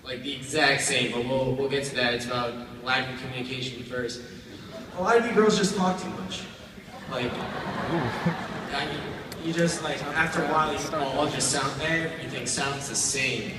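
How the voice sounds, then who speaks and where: A young American man in his early twenties doing amateur live stand-up, rambling and halting as his jokes fall flat. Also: mid-range voice. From United States, grew up outside Indiana. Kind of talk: live stand-up comedy, joke bombing. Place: stage at a live event. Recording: echoey, noisy hall, recorded from far off.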